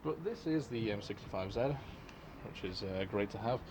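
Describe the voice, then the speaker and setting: A man with a fairly low voice talks through a casual, unscripted review. He rambles in an offhand way and swears freely. Faint noise sits in the background of the recording. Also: expressive, normal speed, darkish tone. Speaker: collector and reseller reviewing gas masks.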